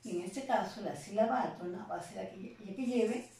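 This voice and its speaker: A woman teacher with a Peruvian Spanish accent gives a slow, deliberate lesson and keeps asking rhetorical questions. Her voice is gravelly and mellow. She sits back from the mic in a very echoey room. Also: mid-range voice, recorded from a distance. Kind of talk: classroom lesson.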